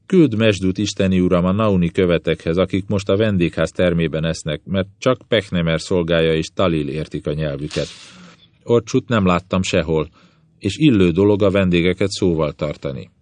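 A narrator lends his deep voice, lifted slightly higher, to a quiet, deferential envoy who chooses every word with care. The storybook character speaks gently and calmly, in a dry, close sound. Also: no echo, lightly acted. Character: quiet, calm, tactful envoy returned from abroad.

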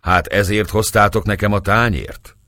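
A man's voice: lowish voice, fairly even intonation, a bit bright, no echo, clean studio sound, close to an everyday voice. A man reading aloud and voicing a cheerful, commanding Turkish bey in a story. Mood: jovial. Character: jovial Turkish bey, middle-aged man.

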